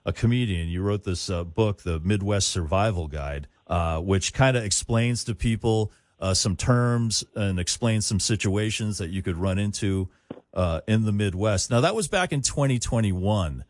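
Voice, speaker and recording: A man's voice: on the low side, expressive, normal speed, no echo, studio quality. A man hosting a casual radio interview in a conversational way.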